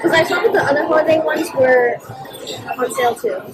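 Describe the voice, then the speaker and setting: A high-pitched woman plays a pushy, whiny customer in a short comedy clip. Loud music runs under her voice throughout. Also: a little fast.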